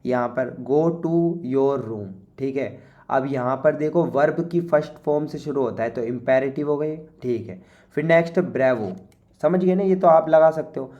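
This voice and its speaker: A man with an Indian accent, teaching by walking through an exam paper in a chatty way, often saying "okay" and reading English lines slowly. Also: mid-range voice, a little mellow, dull audio. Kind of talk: exam paper walkthrough lesson.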